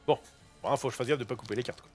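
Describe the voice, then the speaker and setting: A man hosting a casual card-opening session in his kitchen, chatty and excitable, thinking aloud and using casual slang. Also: mid-range voice, rapid-fire, soft background music. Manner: self-interrupting, thinking aloud. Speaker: host opening trading card boosters. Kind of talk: casual unboxing commentary. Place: home kitchen.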